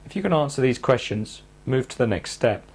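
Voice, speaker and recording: Calm male speech therapist narrating. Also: medium pitch, slightly rough. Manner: calm, measured, step-by-step coaching. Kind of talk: instructional narration.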